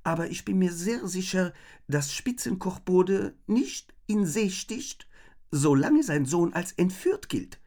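A man's voice: sits high, sing-song, takes it slowly, a little mellow, voice pushed up, heavily acted. A man voicing a prissy young female weasel in a storybook reading, chirpy and primly scolding.

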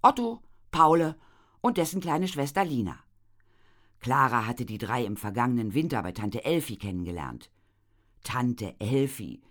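A man reading a children's adventure novel aloud as an expressive audiobook narrator. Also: mid-range voice, moderate pace. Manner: lively storytelling, voices for characters.

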